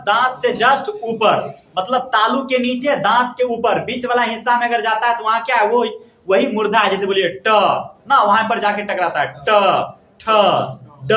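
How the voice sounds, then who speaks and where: A male teacher drilling a lesson, asking questions and answering them himself with steady repetition. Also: very high voice. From India. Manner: asks questions and answers them himself, repeating each point. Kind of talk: classroom grammar lesson. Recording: echoey room.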